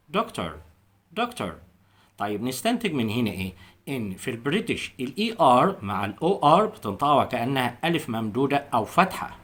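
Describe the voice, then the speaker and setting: Male English teacher with an Egyptian Arabic accent, lively up-and-down delivery, repeats each word slowly several times for beginners. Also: mid-range voice. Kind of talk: phonics lesson for beginners.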